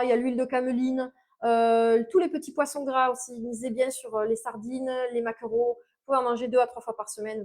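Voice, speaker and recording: A woman's voice: on the high side, darkish tone. A woman with a Mediterranean French accent giving casual health and diet advice as a naturopath, talking freely with many fillers and restarts and checking in with "ok?". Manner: chatty, many fillers and restarts, stresses points with "ok?". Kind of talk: informal health advice video.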